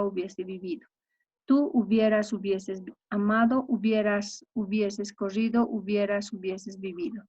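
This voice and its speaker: A woman teaching a recorded grammar lesson, reciting verb forms in a steady, methodical way. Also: mid-range voice, dull audio. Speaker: language teacher.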